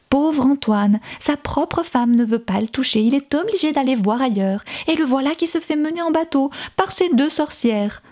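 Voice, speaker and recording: A woman's voice: a little high, dark tone. Woman reading as an exasperated accusing young woman. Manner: cutting, accusing rhetorical questions. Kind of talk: audiobook character reading.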